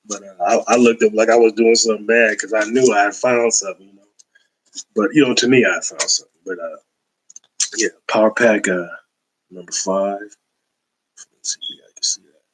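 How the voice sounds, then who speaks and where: A man's voice: fairly low pitch, steady tone, a little fast, poor audio. A man in a casual, rambling collector's video, talking loosely with slang and plenty of fillers as he shows his finds. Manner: laid-back, slangy, rambling with many fillers. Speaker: comic book collector showing a haul. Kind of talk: casual haul video chat.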